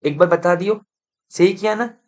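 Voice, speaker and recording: A man's voice: sits high, moderate pace. Male math tutor, live online lecture, coaxing and chatty, keeps asking students to confirm. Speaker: math teacher.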